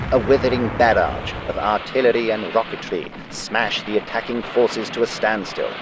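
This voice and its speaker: A man's voice: lowish voice, background noise. A man reading scripted wartime newsreel narration in a dramatic, declarative way. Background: music under the narration.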